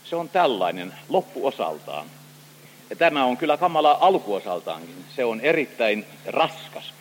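A man preaching a sermon, expressive and full of small hesitations as he reads and explains scripture. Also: mid-range voice, long reverb tail, slight background noise, rough recording.

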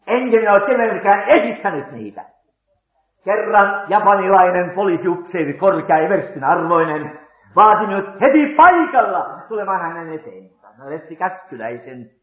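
An older missionary preacher recounts a testimony in a dramatic, halting way, pausing on fillers. His voice sits a little high for a man. The recording rings with room echo. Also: fairly bright tone, lo-fi sound. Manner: dramatic, slow and hesitant with frequent fillers. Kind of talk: storytelling testimony.

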